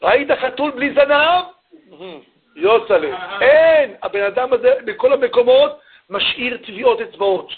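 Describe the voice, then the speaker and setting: A man preaching through a story, acting out the people in it with dramatic shifts of voice. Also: very high-pitched. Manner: dramatic, acts out the characters' voices. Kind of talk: storytelling sermon. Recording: tinny phone-like recording.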